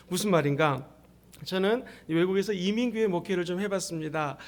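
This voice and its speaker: Middle-aged male guest pastor, very high voice, animated and playful, pulls in the congregation. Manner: animated, jokey, calls for audience response. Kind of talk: lively sermon. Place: university church service.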